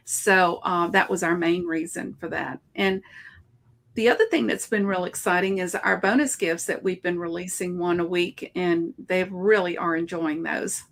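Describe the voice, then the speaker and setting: A woman co-hosting a live online art broadcast, speaking in a measured, slightly halting way. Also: on the low side, fairly even intonation, creaky. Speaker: co-host.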